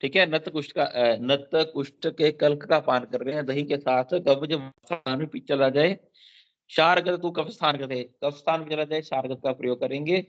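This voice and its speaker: A man's voice: a little high, steady tone, a little fast. A man teaching Ayurveda for exams, reading Sanskrit verses and explaining them line by line, repeating key terms and often checking in with his students. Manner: mixes in English terms, frequent "theek hai" check-ins. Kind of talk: exam-focused lecture. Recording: dull lo-fi sound.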